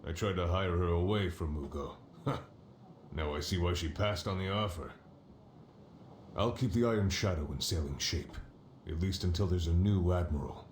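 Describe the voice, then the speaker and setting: An actor playing a gruff, world-weary old sea captain in a video game, fond of drink and wistful, talking like a salty seafarer. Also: male voice, sits low, moderate pace, echoey room, slight background noise, natural voice. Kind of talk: video game character dialogue.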